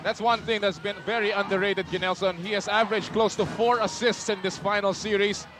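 A man calling a live basketball game play by play, excitable and mixing English with Tagalog. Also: sits high, brisk, background noise. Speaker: play-by-play announcer. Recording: archival broadcast over loud arena crowd. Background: roaring arena crowd.

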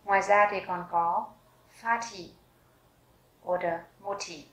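A woman teaches a vocabulary lesson in an even, middle-pitched voice. She speaks slowly and repeats each word deliberately. Her voice carries a noticeable room echo. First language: Vietnamese. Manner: slow, careful repetition of each word. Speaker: German language teacher. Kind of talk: vocabulary lesson with slow repetition.

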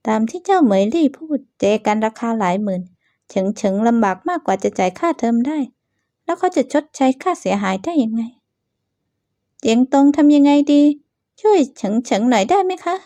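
A woman's voice: on the high side, sing-song, moderate pace, mellow, dry recording. A woman voicing a loyal young female friend who speaks up protectively and pleads on another's behalf. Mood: pleading.

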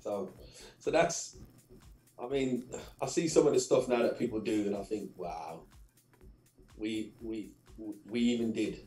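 A middle-aged man from England, a radio show guest telling lively anecdotes with laughs and repeated phrases. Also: lowish voice, measured pace, reverberant, soft background music, poor audio. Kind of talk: casual interview storytelling.

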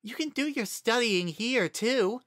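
A narrator voicing a gentle, doting motherly female pony, lifted high above their usual voice. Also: animated, measured pace, no room sound, studio quality. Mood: fond.

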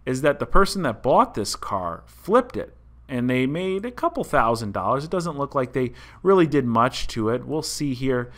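At a moderate pace, with a mid-range, slightly bright voice and big pitch swings, a car-channel host in his thirties chats through a story for viewers, explaining as he goes. It's casual vlog commentary from an indoor room, recorded on a desk mic in front of him.

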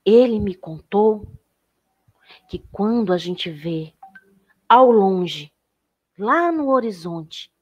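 A Brazilian woman educator telling a children's story in a gentle, expressive way. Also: medium pitch, drawn-out words, pauses often.

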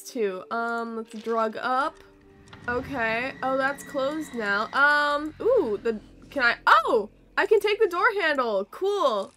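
A young woman streamer playing a game, chatty and playful, reacting out loud. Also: sits high. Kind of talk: let's-play commentary.

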